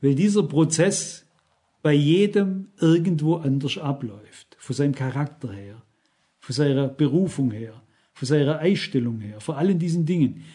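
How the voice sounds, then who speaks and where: A man's voice: on the high side, normal speed, dark tone. A middle-aged man preaching a sermon, earnest and repetitive, often turning to the congregation with direct questions. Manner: earnest, repeats phrases, addresses the congregation directly.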